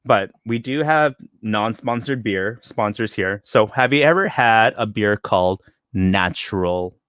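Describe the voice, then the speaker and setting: A man's voice: fairly low pitch, expressive, a little slow, fairly bright tone, smooth, dry recording, studio quality. Joking young man co-hosting a podcast. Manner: joking, rambling with fillers and restarts. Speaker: podcast co-host. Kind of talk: casual chat.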